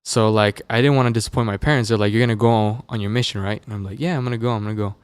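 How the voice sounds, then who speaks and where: Racing through his words, a young Las Vegas musician guests on a podcast in a studio, his low voice clear and resonant. The dynamic studio mic gives studio-quality sound with no echo. It's a casual interview chat, and his storytelling is relaxed, loose and heavy on fillers.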